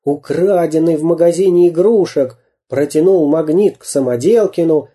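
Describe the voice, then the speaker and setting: Slow storybook reader, husky, very dark mellow tone. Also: medium pitch. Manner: slow, dramatic story reading. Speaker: narrator. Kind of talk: storybook reading.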